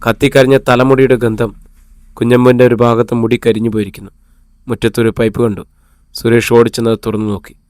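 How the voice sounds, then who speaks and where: A man reading a serialized audiobook in an even, measured way, at a middling pitch. The recording is dry and close, with no room around the voice. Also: no room sound. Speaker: audiobook narrator. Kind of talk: scripted story narration.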